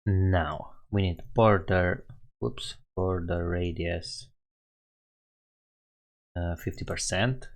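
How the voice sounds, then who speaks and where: In a deep voice with fairly even intonation, a Romanian-accented streamer codes live, very slowly and with long pauses. He thinks out loud and corrects himself as he types, in casual narration.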